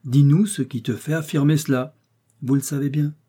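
A man's voice: fairly high pitch, fairly even intonation, moderate pace, mellow, husky, pitched above the performer's own voice. A man voicing an anxious young man from a storybook who presses urgently with questions.

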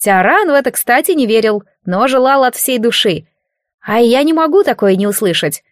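A woman doing a cheeky child god, pitched high. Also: very animated, dry recording, studio quality. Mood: mocking. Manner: petulant, teasing, quick, grown-up under a child's voice. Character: cheeky shape-shifting child god, boyish, grumpy. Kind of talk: audiobook character voice.

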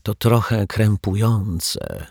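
A man's voice: fairly low pitch, drawn-out words, gravelly, husky, no room sound, studio quality, pitched above the performer's own voice, exaggerated voice. A man doing a bashful, hesitant storybook client. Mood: embarrassed. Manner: hesitant, quiet and sheepish. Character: bashful male client, embarrassed and unsure. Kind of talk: storybook character voice.

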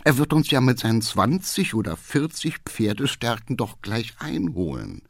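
A man's voice: normal speed, creaky, no room sound, studio quality. A man reading an audiobook, voicing a fussy, irritable old privy councillor with a genteel manner. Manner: shrill when alarmed, genteel when calm. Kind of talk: audiobook character voice.

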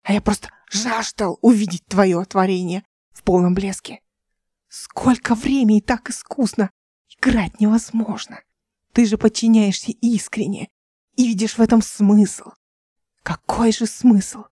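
A woman's voice: mid-range voice, fairly even intonation, a little slow, mellow, husky, no room sound, clean studio sound. A woman voicing a scheming male overlord who mocks and threatens in a hissing, sneering half-whisper. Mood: taunting.

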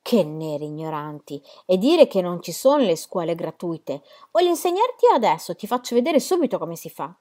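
A woman's voice: on the low side, very animated, moderate pace, few pauses, dark tone. A woman reading aloud voices a cocky male card player who mocks his rival and refuses to back down. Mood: taunting.

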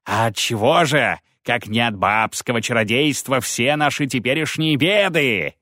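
A man's voice: mid-range voice, animated, pushed and bright, no echo, clean studio sound, voice pushed up. A man doing a ranting zealot priest. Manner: declaiming, drawn-out preaching tirade. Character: fanatical ranting male priest, gaunt and zealous. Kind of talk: audiobook character voice.

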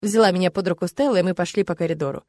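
A woman narrating a first-person audiobook in a wry, lively storytelling manner. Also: fairly low pitch, racing, no room sound.

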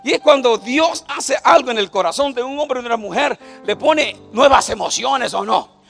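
A man's voice: very high-pitched, normal speed, vocal fry, fairly bright tone, soft background music. A man, preaching a joking sermon to a church congregation and often calling out to them for agreement. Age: 50s. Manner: joking, calls out to the audience with repeated "right?".

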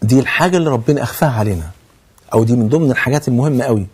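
Rapid-fire and earnest, this Egyptian-accented preacher asks himself rhetorical questions and answers them, swearing oaths to drive points home. His medium-pitched voice is husky and a little mellow.

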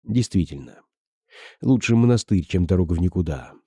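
A man voicing a gentle, earnest young woman of nineteen, speaking softly and plainly in a deep, dark voice. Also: lively intonation, normal speed, breathy edge, dry recording, heavily acted. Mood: thoughtful.

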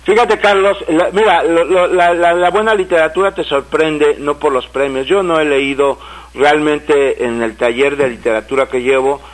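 A man's voice: on the high side, moderate pace, poor audio. Mexican man telling stories on radio. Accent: Mexican Spanish. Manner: animated storyteller, frequent restarts and repeated words. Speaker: radio co-host and writer. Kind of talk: casual radio conversation. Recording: radio broadcast.

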